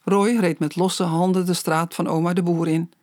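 Slow, measured audiobook narrator. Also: medium pitch, little pitch movement, a little mellow, dry recording, clean studio sound. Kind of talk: scripted storybook narration.

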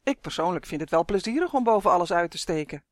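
A reader voicing a huge, smug know-it-all giant in a storybook, with a booming, teasing way of talking. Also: lively intonation, fast talker, no room sound, studio quality, close to an everyday voice. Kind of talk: storybook reading.

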